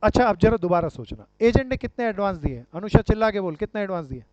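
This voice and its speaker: Here a man teaches commerce with lively intonation, a quick pace, and a high-pitched, darkish voice. He questions his students, calling them dear friends and brother, and the dry recording has a dull lo-fi quality.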